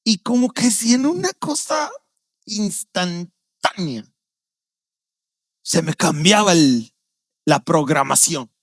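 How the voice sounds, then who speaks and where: A male pastor with a Guatemalan Spanish accent preaching a sermon, telling stories with vivid acted-out voices and dropping low and quiet on serious points. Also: expressive, takes it slowly, long pauses, no room sound. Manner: storytelling, acting out quoted voices with sudden loud outbursts.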